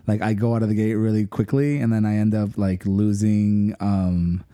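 A man's voice: fairly low pitch, little pitch movement, normal speed, mellow, dry recording, clean studio sound. A man with a Miami accent co-hosting a casual podcast, reflective and colloquial, peppering his talk with 'like'. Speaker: podcast co-host.

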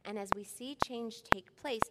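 Middle-aged woman preacher, conversational and earnest, in a big echoing sanctuary with loud noise behind. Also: a little high, moderate pace. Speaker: pastor. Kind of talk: sermon. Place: church sanctuary. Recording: long hall reverb, loud background noise.

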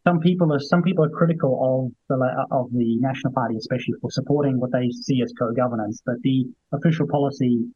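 A man giving conversational political commentary as a guest, in a hesitant way that often repeats phrases, with a husky voice. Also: mid-range voice, fast talker, hardly any pauses, dark tone, dry recording. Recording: dull, lo-fi remote audio.

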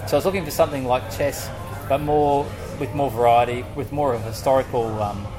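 On a casual podcast, a male co-host with a mid-range voice and fairly even intonation reads a guest's written responses aloud, bantering loosely and swearing now and then. He speaks fairly quickly, with music running beneath a rough recording.

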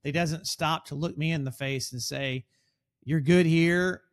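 A man's voice: on the high side, measured pace. A man co-hosting a podcast, speaking reflectively and personally, with small restarts. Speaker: podcast co-host. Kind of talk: conversational podcast discussion.

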